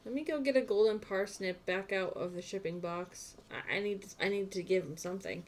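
A woman's voice: mid-range voice, brisk. A woman streaming a farming game live, rambling and talking to herself as she plays. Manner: rambling, talks to herself while playing. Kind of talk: casual live gameplay chat.

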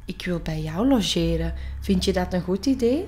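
A woman doing a lonely gentle red dragon. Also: on the low side, lively intonation, normal speed, close to an everyday voice. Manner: soft-hearted, sighing and confiding.

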